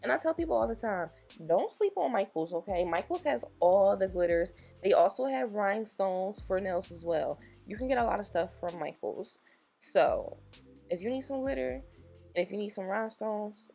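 Woman, raspy just-woke-up voice, gravelly, chatty encouraging nail tutorial voice-over. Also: mid-range voice, a little mellow. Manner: chatty and encouraging, talks straight to viewers. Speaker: nail technician.

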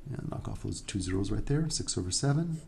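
An animated economics instructor lectures briskly in a fairly low, creaky, slightly mellow voice, with a little hiss or hum in the recording. He walks through problems step by step, frequently checking in with "right?".

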